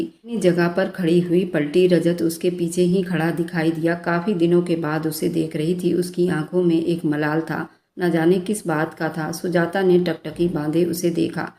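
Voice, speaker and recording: A woman narrating an emotional family story in a slow, scripted manner. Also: fairly low pitch, mellow, echoey room.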